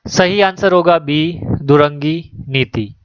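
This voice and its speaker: Male exam-prep teacher, fairly high voice, dry dull lo-fi sound, reads options then gives answers. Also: slow, clean tone, no echo. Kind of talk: exam question walkthrough.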